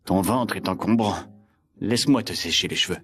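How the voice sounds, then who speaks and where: A man's voice: low-pitched, moderate pace, noisy background. A man playing a rich, protective young husband in a dubbed drama, terse and easily baffled. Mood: gentle, terse. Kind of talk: dubbed short-drama acting.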